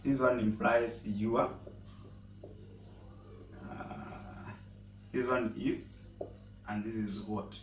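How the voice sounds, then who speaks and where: Slow man teaching. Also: lowish voice, fairly even intonation. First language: Swahili. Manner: halting, repeats words while explaining. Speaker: language teacher. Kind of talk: casual spoken lesson. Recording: roomy echo, mic at a distance, faint noise.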